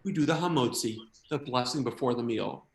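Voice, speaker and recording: An American man performing a stand-up comedy routine, animated, slipping quickly into quoted voices. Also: mid-range voice, roomy sound, a little hiss or hum. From United States.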